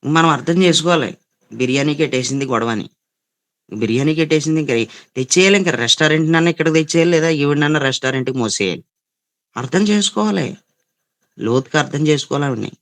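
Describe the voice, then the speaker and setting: A man's voice: a little high, expressive, fast talker, pauses often, a bit bright. Telugu accent guy preaching, scolds and repeats himself a lot, sermon style. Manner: repetitive, scolding preaching with quoted voices. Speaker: pastor.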